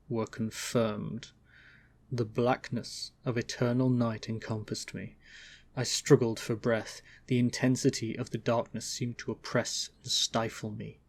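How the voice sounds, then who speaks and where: A man giving a theatrical dramatic reading of a gothic horror story as narrator, with emphatic swells and drawn-out phrases. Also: medium pitch, darkish tone, dry recording.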